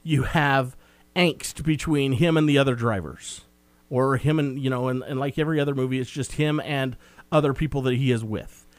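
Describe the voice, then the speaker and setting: A man's voice: medium pitch, normal speed, dry recording. A man co-hosting a casual film review chat, recapping the plot in a meandering, talkative way. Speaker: movie review co-host.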